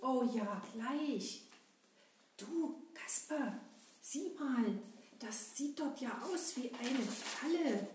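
A woman's voice: high-pitched, lively intonation, very slow, a little mellow, slight background noise, full character voice. A woman voicing Seppel, an eager, childlike boy sidekick in a children's puppet show. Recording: echoey, from a distance.

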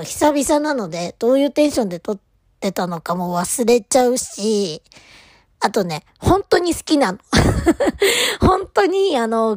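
Woman fan vlogger, rambling and gushing, slightly high voice, dry and close. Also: a little mellow, dry recording. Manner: gushing, rambling, drops to near-whisper at times. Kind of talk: casual solo talk to camera.

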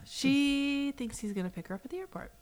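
A woman's voice: high voice, a little fast, a little mellow. A woman co-hosting a casual reaction chat, blunt and opinionated. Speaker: podcast co-host.

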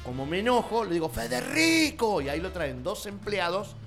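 A middle-aged man with an Argentine accent, a circus performer telling his story as a radio guest, lively and acting out the lines he quotes. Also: high-pitched, a little fast, faint music behind. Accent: Argentine Spanish. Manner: animated storyteller, acts out quotes.

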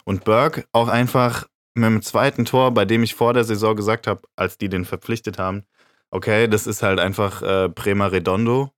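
Low-voiced man in casual football chat. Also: steady tone, moderate pace, no echo, studio quality. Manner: opinionated, rambling, laughs often. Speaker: podcast co-host.

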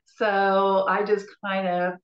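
An older woman, a business and life coach, talking casually in an interview, relaxed and rambling with many fillers. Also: medium pitch, takes it slowly. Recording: roomy, dull-sounding audio.

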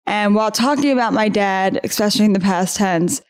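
A woman's voice: medium pitch, fairly quick, smooth. A woman in her twenties hosting a podcast, speaking candidly in a strained voice, choked up with grief. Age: 20s. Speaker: podcast host. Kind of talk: personal podcast introduction.

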